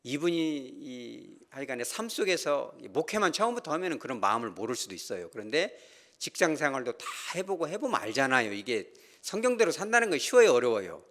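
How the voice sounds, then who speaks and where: A man's voice: mid-range voice, a little fast. A middle-aged man preaching a sermon as pastor, telling stories with acted-out voices and asking the congregation questions. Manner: animated storytelling, acts out quoted characters.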